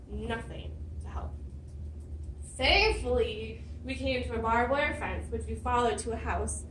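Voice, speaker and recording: A woman giving a prepared personal story speech at a speaking club, telling it with lively dramatic emphasis. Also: a little high, slight background noise. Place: meeting room. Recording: roomy hall, mic at a distance.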